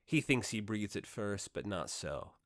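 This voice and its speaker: Reading a classic first-person novel for an audiobook, this man uses a fairly low but fairly bright voice with big pitch swings. His delivery is theatrical and emphatic, punctuated by dramatic pauses. The close, dry recording has no room sound at all.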